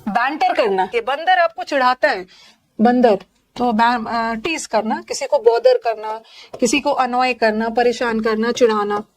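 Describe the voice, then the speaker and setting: A woman's voice: on the high side, a little slow. A woman with an Indian accent teaching English synonyms in a live online class, explaining each word with jokes and memory tricks.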